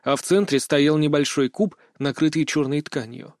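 A man narrating a first-person fantasy audiobook in an expressive storytelling manner. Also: on the high side, moderate pace, dry recording, studio quality.

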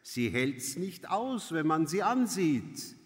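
A man's voice: on the high side, big pitch swings, takes it slowly. A man voicing a sneering, indignant female serving maid in a read-aloud play. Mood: scornful. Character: scornful gossiping serving maid, woman. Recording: long hall reverb.

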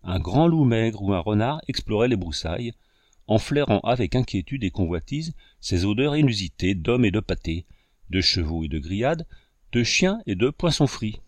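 Low-voiced male audiobook narrator. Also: sing-song, moderate pace, no echo. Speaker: audiobook reader. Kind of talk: scripted narration.

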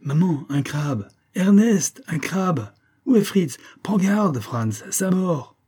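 A man voicing an excited, boastful, impulsive young boy in a storybook reading, speaking high and shouting. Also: slow, breathy edge, exaggerated voice.

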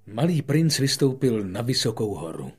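A man narrating an audiobook fairy tale in an expressive storytelling manner, moving between soft and lively passages. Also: mid-range voice, soft background music.

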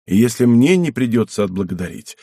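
A man voicing an old ailing knight in an audiobook, speaking slowly and heavily, softened by emotion, with a husky voice. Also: mid-range voice, big pitch swings, no room sound, clean studio sound. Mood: weary. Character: old ailing male knight, weary and stubborn. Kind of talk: audiobook character reading.

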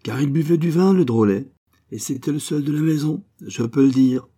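A man reading a story aloud, voicing a kindly farmer who talks fondly and heartily to a pet bird in a raised, lively voice. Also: on the high side, moderate pace, pitched above the performer's own voice. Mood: warm, jovial. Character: kindly good-humored male farmer, tender with a pet bird. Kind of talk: storybook character voice.

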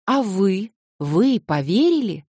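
A woman's voice: mid-range voice, sing-song, takes it slowly, warm tone, breathy edge, no room sound, clean studio sound, pitched above the performer's own voice, exaggerated voice. A woman reading the lines of an earnest man who reproaches a younger one, in an audiobook. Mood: reproachful. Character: adult man, earnest first-person narrator, reproachful.

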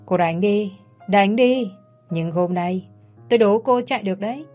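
A woman's voice: mid-range voice, normal speed, a little mellow, faint music behind, lightly acted. A woman voicing a pushy, menacing young man in a spoken story, with a coaxing, threatening manner. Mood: angry.

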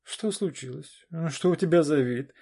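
A man voicing a sharp-tongued, defiant middle-aged wife in an audiobook, speaking in a sneering, biting way. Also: a little high, moderate pace, creaky, breathy edge, pitched above the performer's own voice. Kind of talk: audiobook reading.

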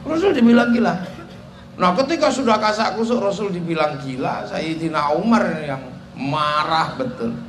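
A man's voice: high-pitched, normal speed. A man preaching a humorous sermon, telling a story and acting out the dialogue. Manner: animated, joking, acts out dialogue. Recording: echoey hall with crowd noise.

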